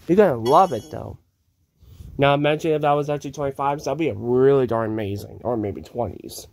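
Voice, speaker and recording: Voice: mid-range voice, a little fast. A gamer giving casual, rambling gameplay commentary, chatting to themself and to viewers. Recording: loud game music behind the voice. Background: loud game music.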